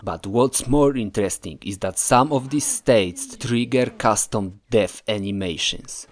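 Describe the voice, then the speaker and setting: A man with a mid-pitched voice narrates as a video creator. His delivery is scripted with casual asides, and he stresses his points emphatically. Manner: emphatic, repeats phrases for effect. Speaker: video maker narrating his own game hacking project.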